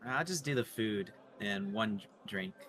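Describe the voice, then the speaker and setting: A man's voice: on the low side, expressive, a little slow, fairly bright tone, faint music behind. A man speaking casually as a player in a tabletop role-playing game, narrating his character's actions and lines.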